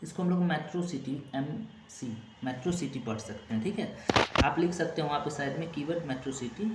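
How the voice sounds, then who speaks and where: A man teaches exam vocabulary in a classroom style, repeating each memory trick several times and dropping in short check-in asides. His voice echoes around a room, and there is clear noise behind it. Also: on the high side, moderate pace. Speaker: exam-prep English teacher.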